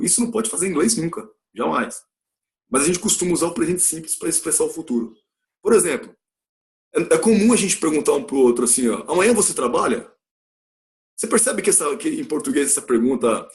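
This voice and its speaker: A Brazilian man teaching an English lesson, with a voice a touch higher than most men's. He explains patiently, repeats key phrases, keeps asking his listeners rhetorical questions, and voices example sentences in a lifted tone. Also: darkish tone. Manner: acts out example sentences with a raised pitch. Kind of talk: recorded classroom lesson.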